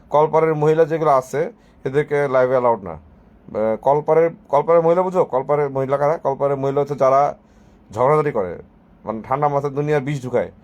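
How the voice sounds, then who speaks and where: A man's voice: medium pitch, darkish tone. A man talking on his own live stream, mocking and sarcastic, dropping English phrases into his speech. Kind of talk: casual live-stream monologue.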